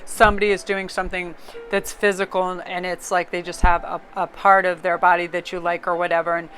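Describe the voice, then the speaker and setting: A woman's voice: lowish voice, little pitch movement, fairly quick, a bit bright, a little hiss or hum. A woman casually reading tarot cards aloud, chatty and rambling, often breaking into laughter. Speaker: tarot card reader.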